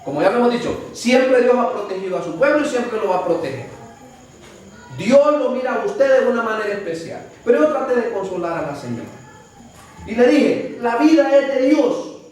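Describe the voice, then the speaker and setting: Salvadoran man, bible study preacher, very high pitched, faint background noise. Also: big pitch swings, brisk, darkish tone. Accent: Salvadoran Spanish. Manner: addresses listeners as brother, rhetorical questions. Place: church hall. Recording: echoey room from far off with faint ambience.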